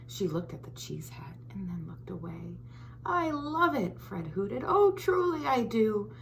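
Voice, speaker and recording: A school board member reads a children's picture book aloud in an expressive, sing-song storytelling style, sometimes dropping into a whisper. Her voice is mid-range with some vocal fry. The recording is low quality, with a little hiss or hum.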